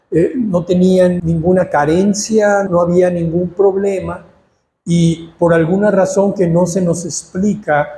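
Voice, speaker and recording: Slow, mellow-voiced Mexican Spanish pastor. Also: male voice, sits high, echoey room, slight background noise. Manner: prayerful, unhurried teaching with pauses. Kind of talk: sermon.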